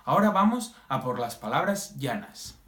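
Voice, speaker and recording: A man explains a grammar lesson, his pitch swooping high and low as he stretches out each example word. He often pauses to check in with the class. He sounds a little far the mic in an echoey room. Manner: lively, drawn-out examples, checking in with "¿sí?". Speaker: teacher.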